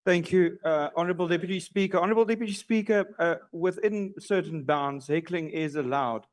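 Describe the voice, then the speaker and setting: Man, high voice, parliamentary point of order, hesitant and repetitive, heckled in parliament. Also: brisk. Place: parliament chamber.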